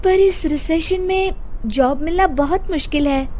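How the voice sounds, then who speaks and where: A woman voicing a polite, anxious young daughter-in-law in an animated moral story, speaking deferentially and expressively. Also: extremely high pitch, a little slow, pitched above the performer's own voice. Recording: clearly noisy background.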